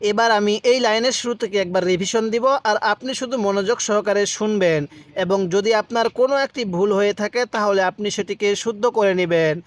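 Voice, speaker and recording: A man with a high voice speaks quickly, with no echo, as he gives a step-by-step Quran reading lesson. He patiently spells out letters and syllables one at a time.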